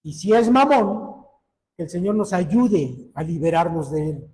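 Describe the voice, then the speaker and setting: A man's voice: high voice, animated, measured pace, mellow, big-room sound, poor audio. A man preaching a sermon in an earnest manner, asking his listeners direct questions.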